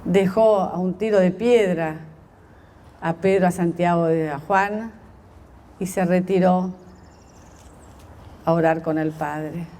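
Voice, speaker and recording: A woman slowly telling a story as a meditation, pausing often and voicing the quoted lines of its characters. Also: fairly low pitch, steady tone, warm tone, slight background noise.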